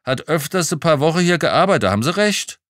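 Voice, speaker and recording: A sullen fat office boss grumbles offhandedly, as a man reading the story puts him on. The voice sits far above the reader's low natural pitch. It is recorded dry and close. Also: sing-song, a little fast, fairly bright tone, no room sound. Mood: grumbling offhand.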